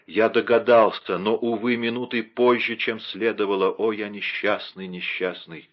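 A man's voice: lowish voice, steady tone, moderate pace, dull audio, natural voice. A man reading an audiobook voices a middle-aged lord who laments in despair. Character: grieving middle-aged English lord, bitter.

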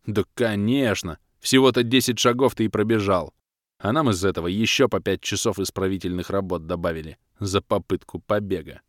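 A man's voice: on the low side, fairly quick, dry recording, studio quality, lightly acted. A man voicing a grumpy male prisoner who scolds and grumbles at his mates. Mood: scolding.

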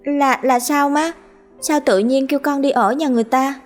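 A frightened young girl pleads tearfully in a high, thin Southern Vietnamese voice, as a woman puts her on. She sounds small and desperate, like a storybook child begging not to be sent away, with faint music behind. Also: fairly even intonation, moderate pace, close to an everyday voice. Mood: tearful pleading.

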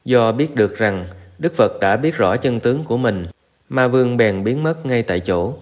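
Man reciting Buddhist scripture, measured. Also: mid-range voice, animated, a little mellow. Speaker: narrator. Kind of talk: reading a Buddhist scripture aloud.

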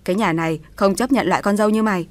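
A woman's voice: mid-range voice, fast, close to an everyday voice. A woman voicing a cruel older mother-in-law, scolding in a harsh, cutting way. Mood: furious scolding.

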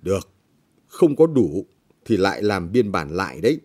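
A greedy village official barks and sneers, pushing his victims around with contempt, as a male reader puts him on. The voice sits low and dark with a husky edge, rising in force when he threatens. It belongs to a storybook reading. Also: big pitch swings, moderate pace. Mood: greedy, contemptuous. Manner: harsh, blustering, scornful.

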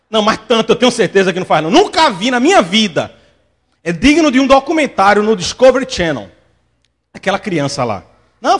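A male pastor, preaching a sermon and telling stories with lively acted-out voices. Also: extremely high pitch. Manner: animated storytelling, acts out quoted voices.

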